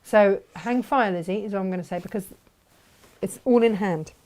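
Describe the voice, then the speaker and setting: A woman's voice: mid-range voice, moderate pace, a little mellow. A woman co-hosting a live craft show, chatting playfully and reading out viewer comments.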